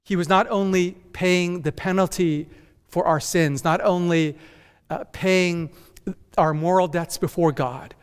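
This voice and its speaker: A man born in Japan and raised in North America, preaching a measured, emphatic conference sermon as senior pastor that builds through repeated phrases. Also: high-pitched, steady tone, clear, resonant tone. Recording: long hall reverb.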